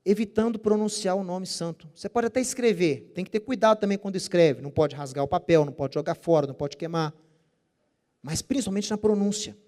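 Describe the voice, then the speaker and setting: A man's voice: high voice, brisk, a little mellow. A man teaching a Bible study lecture, explaining Hebrew terms with care and asking rhetorical questions that he then answers himself.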